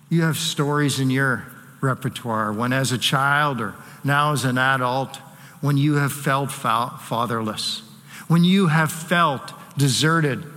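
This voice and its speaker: A man's voice: mid-range voice, fairly bright tone. A male pastor preaching a sermon, then hosting an onstage interview, earnest and a little hesitant with fillers when speaking off the cuff. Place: church sanctuary. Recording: church hall reverb.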